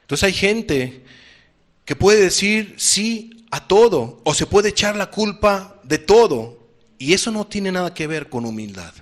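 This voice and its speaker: Guy preaching, emphatic, keeps repeating himself, voice on the higher side. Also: expressive, measured pace. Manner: emphatic, repeats key phrases and addresses listeners as beloved. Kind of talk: sermon.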